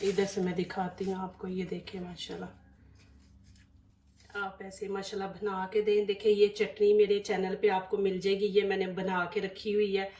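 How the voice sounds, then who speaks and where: A woman's voice: mid-range voice, level tone, normal speed, hardly any pauses, darkish tone, slight background noise. A woman with a sore, dry throat giving a chatty step-by-step cooking demonstration in her home kitchen, walking viewers through each stage. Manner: chatty and instructive, often says "see this". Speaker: cooking channel host. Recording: echoey room, mic at a distance.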